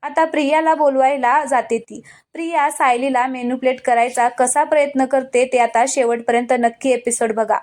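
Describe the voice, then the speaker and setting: A woman's voice: high-pitched, steady tone, moderate pace, darkish tone. A woman casually retelling a TV serial episode in a chatty way, speaking straight to her viewers with frequent asides. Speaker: TV serial recap narrator. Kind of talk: casual storytelling recap.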